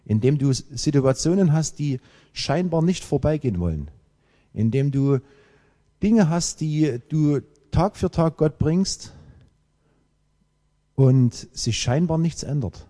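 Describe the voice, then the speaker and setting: A man preaching a sermon, emphatic and lively, with dramatic pauses. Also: on the high side. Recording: long hall reverb.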